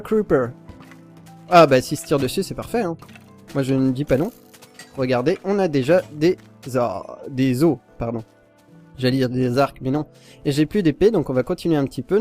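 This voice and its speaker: Young guy talking over his game, mid-pitched easygoing voice, rambles a lot then yelps in a panic. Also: darkish tone. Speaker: Minecraft YouTuber. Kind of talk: casual gameplay commentary.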